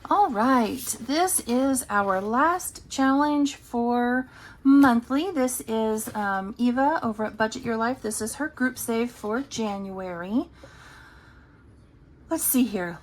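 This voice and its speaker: With a fairly high voice and a little hiss or hum on the recording, a woman vlogs about budgeting and her savings challenges. Hiccuping, she chats away and thinks aloud to herself as she counts.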